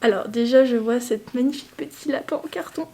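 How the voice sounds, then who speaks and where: A woman's voice: a little high, fairly quick, dark tone. A young woman chatting casually in a home vlog, rambling with self-mocking asides. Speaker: vlogger.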